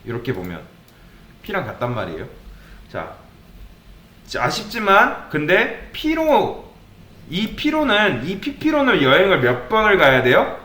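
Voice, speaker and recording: A man's voice: sits high, wildly swooping pitch, slow pace, long pauses, bright, forceful tone, echoey room, slight background noise. A man teaching a programming lesson, asking the viewers questions and then answering them himself. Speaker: programming instructor. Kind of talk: coding lecture with questions to viewers.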